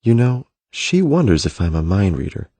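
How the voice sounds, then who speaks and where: A man voicing a gentle, thoughtful young prince in an audiobook, soft-spoken and reflective. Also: fairly low pitch, very animated, normal speed, husky, no room sound, exaggerated voice. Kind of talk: audiobook character voice.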